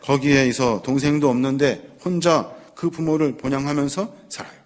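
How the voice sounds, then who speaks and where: A man's voice: mid-range voice, steady tone, normal speed. A male pastor preaching a sermon, telling the story with dramatic flair and acting out the characters' pleas. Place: church sanctuary.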